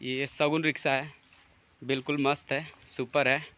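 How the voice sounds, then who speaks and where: In a mid-range, level voice that is pushed, bright, clear, and resonant, an Indian vlogger talks unhurriedly through a tour of a large workshop and its yard. He repeats himself casually, recording on a handheld phone as he shows off the factory.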